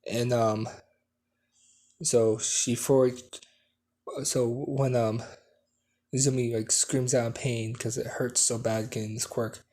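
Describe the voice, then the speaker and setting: A man's voice: mid-range voice, level tone, slow pace, pauses often, darkish tone. A man improvising a fan story at home, hesitant, with many fillers and restarts.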